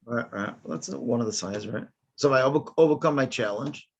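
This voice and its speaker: Gravelly older man, a rabbi. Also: medium pitch, moderate pace, muffled recording. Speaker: rabbi and host. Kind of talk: casual questions to a speaker.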